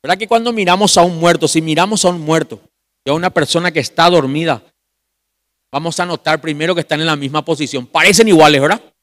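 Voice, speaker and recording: Male pastor, youth sermon, somewhat high voice, sudden drops to a hush. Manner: addresses listeners as brother, asks rhetorical questions; swings from loud emphasis to quiet, drawn-out phrases.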